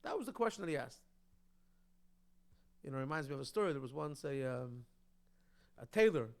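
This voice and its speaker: A man's voice: mid-range voice, expressive, brisk, vocal fry. A man, a rabbi, teaching a Torah class, explaining texts and reading them aloud with strong emphasis.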